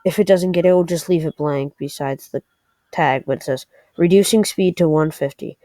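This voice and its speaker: A woman hosts a laid-back screen-recorded game tutorial, explaining as she thinks and hesitating a little. Her low, warm voice moves at normal speed, and the studio-quality audio has no room sound.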